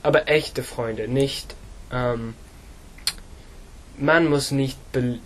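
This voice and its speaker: A teenage boy from England, an English speaker practising German, answering slowly with many fillers and pauses. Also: medium pitch, fairly even intonation, a bit bright, slight background noise. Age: teens. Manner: halting, slow, many fillers. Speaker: student.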